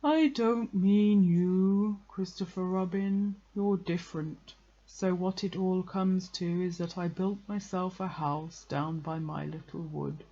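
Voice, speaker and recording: A woman voicing a gloomy, self-pitying male donkey in a slow, melancholy, drawn-out storybook delivery. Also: fairly low pitch, mellow, muffled recording. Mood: gloomy, resigned. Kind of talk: children's storybook character reading.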